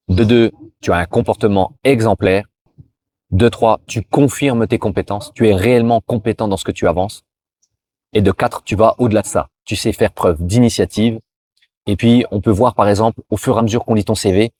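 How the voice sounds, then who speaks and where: A man's voice: on the low side, a little mellow. A man from France giving informal career advice straight to the viewer, often restarting and repeating words as he goes. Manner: talks directly to viewer, frequent restarts and repetitions. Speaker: career advice video host.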